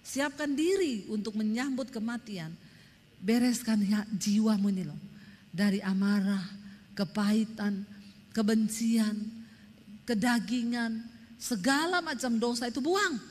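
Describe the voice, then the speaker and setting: A woman's voice: fairly high pitch, measured pace, long pauses. Emphatic woman preaching in a hall. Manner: emphatic, lively storytelling with acted quotes. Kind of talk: sermon. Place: church hall. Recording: long reverb of a church hall.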